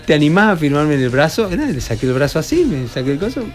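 A man's voice: a little high, very animated, fast talker, faint music behind. Chatty Argentine man telling stories. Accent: Rioplatense Argentine. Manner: chatty storyteller, many restarts. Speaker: professional padel player, radio guest. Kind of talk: casual radio interview. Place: radio studio.

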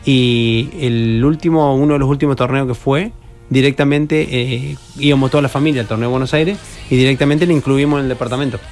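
An Argentine man with a Rioplatense accent tells a story as a guest on a radio show, rambling and restarting as he goes. His voice sits in a middle register. Faint music plays softly behind him. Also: mid-range voice, steady tone, brisk. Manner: chatty storyteller, many restarts. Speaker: professional padel player, radio guest. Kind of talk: casual radio interview. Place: radio studio.

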